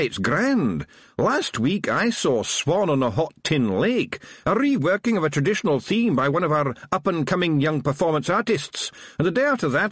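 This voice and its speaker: A man's voice: fairly high pitch, a bit bright, breathy edge, dry recording, studio quality, pitched above the performer's own voice, exaggerated voice. A man voicing a tiny cheerful male Feegle policeman who loves culture, with a broad Scottish accent and a chirpy, boastful manner.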